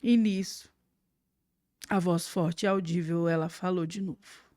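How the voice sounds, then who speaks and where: A woman's voice: on the low side, steady tone, measured pace, no echo, clean studio sound. Brazilian woman telling an emotional testimony. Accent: Brazilian Portuguese. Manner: vivid storytelling, swinging between hushed and loud. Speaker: guest sharing a testimony.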